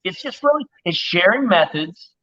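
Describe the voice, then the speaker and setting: A man speaking as a guest chef in a casual live-stream chat, telling stories in an excitable, rapid way. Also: high-pitched, dull audio.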